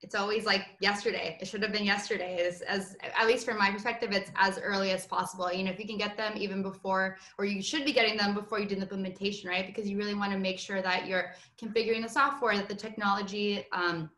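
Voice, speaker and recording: A woman's voice: medium pitch, level tone, quick pace, few pauses, pushed and bright. A woman in her thirties speaking on a video call panel about customer success, chatty with many fillers. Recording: roomy video call audio.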